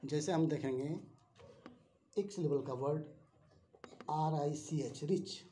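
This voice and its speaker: A man's voice: on the high side, slow pace, mellow, slight background noise. A male English teacher giving a grammar lesson, spelling words out letter by letter and repeating each form.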